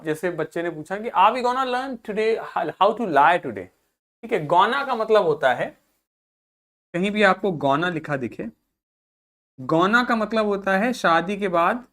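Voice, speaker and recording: A male teacher giving a classroom vocabulary lesson, asking the class questions, answering them himself, and repeating each word slowly several times. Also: high-pitched, a bit bright.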